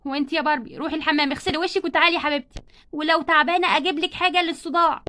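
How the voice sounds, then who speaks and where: A woman with an Egyptian accent voicing a strict, sharp-tongued schoolteacher who scolds her class in a doll play story. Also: high-pitched, steady tone, very fast, background noise, close to an everyday voice. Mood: stern. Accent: Egyptian Arabic. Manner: scolding, bossy.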